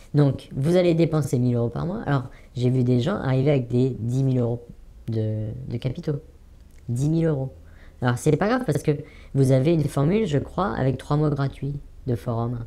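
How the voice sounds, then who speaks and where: Man in his 40s, anonymous witness, halting delivery, warm dark tone, repeats himself for emphasis. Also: medium pitch. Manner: hesitant, many fillers, repeats words for emphasis. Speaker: anonymous former trading student giving testimony. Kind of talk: interview testimony.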